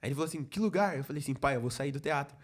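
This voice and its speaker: A young man from Brazil tells a personal faith testimony as a podcast guest. He talks in an easy, chatty storytelling way at a middle pitch and keeps acting out what other people said to him. It is casual conversation, not a performance. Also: fairly even intonation, rapid-fire. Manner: storytelling, acts out quoted dialogue, many "falei assim" asides. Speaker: podcast guest, youth ministry leader.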